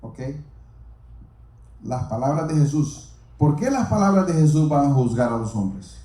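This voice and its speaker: A man's voice: on the high side, very animated, a little slow, mellow. A man preaching a sermon, speaking earnestly and repeating himself as he addresses the congregation directly. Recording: roomy echo, mic far off.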